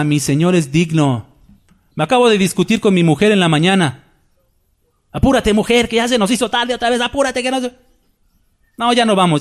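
Man, pastor preaching, emphatic and repetitive, asks the congregation questions, somewhat high voice. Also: a little mellow. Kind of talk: sermon. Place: church.

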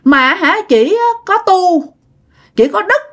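A woman's voice: very high voice, expressive, takes it slowly, a bit bright, voice pushed up, full character voice. A woman putting on a whiny crying toddler ghost. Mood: sobbing, sulky. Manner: whiny, sobbing, childlike. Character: sulky crying toddler spirit speaking through a medium.

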